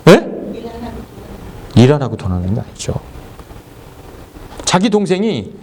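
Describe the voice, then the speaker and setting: A male pastor preaching at a church service, animated and often quizzing the congregation with quick questions. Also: medium pitch, a little hiss or hum. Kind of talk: sermon.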